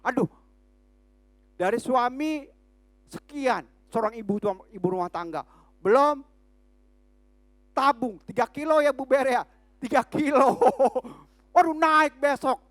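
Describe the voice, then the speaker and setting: A woman with an Indonesian accent preaching a sermon, emphatic, swinging from shouts down to hushed, slow lines. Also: on the high side, animated, no echo.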